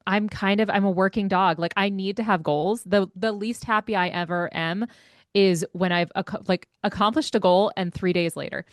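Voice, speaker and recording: A woman's voice: medium pitch, steady tone, normal speed, dry recording, clean studio sound. A woman educator and author talking casually in an interview, chatty and self-deprecating, often laughing at herself.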